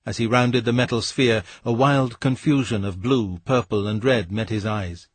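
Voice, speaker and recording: A man reading a novel aloud as an audiobook narrator, in a measured, steady way. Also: mid-range voice, slightly rough, no echo. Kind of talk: scripted narration.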